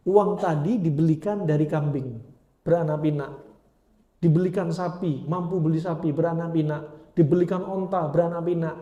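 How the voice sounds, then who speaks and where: High-voiced male preacher, echoey room. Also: warm tone, muffled recording. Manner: colloquial storytelling with Arabic phrases. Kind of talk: Islamic study lecture.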